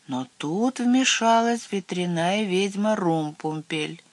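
An expressive storyteller reads a children's fairy tale aloud at an even, steady pace. The voice is close and dry, with no room sound around it. It has the feel of an audiobook. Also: medium pitch, slow pace, dry recording. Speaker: narrator.

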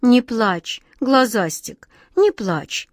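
Cast a woman as a teasing boyish wind sprite for a storybook, very high, singsong and chiming, dry close sound. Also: sing-song, drawn-out words, no room sound, exaggerated voice. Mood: tender. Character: playful childlike wind spirit, boyish, teasing.

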